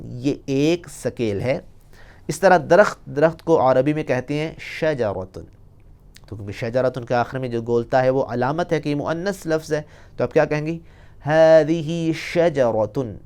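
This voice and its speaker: Smooth-voiced man teaching Arabic slowly. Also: mid-range voice, a little mellow. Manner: slow, drawn-out pronunciation of example phrases; patient step-by-step explanation with repeated examples. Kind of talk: recorded language lesson.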